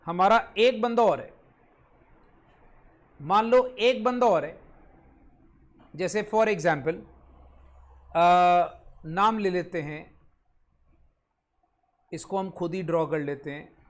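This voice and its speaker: Man, high pitched, commerce teacher, online lecture, Punjabi-influenced Hindi accent, repeats and quizzes. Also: slow pace, long pauses. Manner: scolding, repeats points, quizzes students. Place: online classroom.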